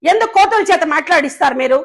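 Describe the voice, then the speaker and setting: Very high-pitched woman, ripping into a rival, tons of rhetorical questions. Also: animated, racing, vocal fry. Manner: combative, scolding, rhetorical questions. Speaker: political party worker. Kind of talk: angry political press statement.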